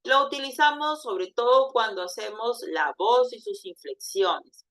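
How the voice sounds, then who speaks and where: A woman teaching an exam prep lesson, lively and demonstrative, often checking in with "¿ya?". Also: a little high, measured pace.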